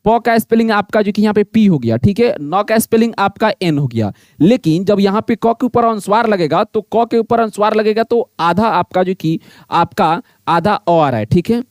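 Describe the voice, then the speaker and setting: A man teaches a blackboard lesson. He keeps asking the class a question and answering it himself in a repetitive drill. His voice sits high and sounds dry and close, with no room echo. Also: darkish tone.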